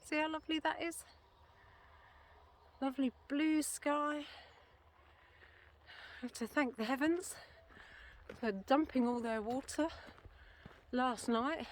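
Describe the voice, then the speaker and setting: Out on a walk, a British woman chats to her handheld camera in a rambling way, correcting herself and a little out of breath. She speaks slowly in a high-pitched voice, leaving long pauses.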